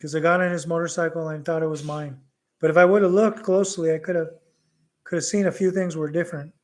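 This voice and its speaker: A middle-aged man hosting a casual live Q&A at home, telling a story with animated energy and mixing Bisaya words into his English. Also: a little high, fast. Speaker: livestream host.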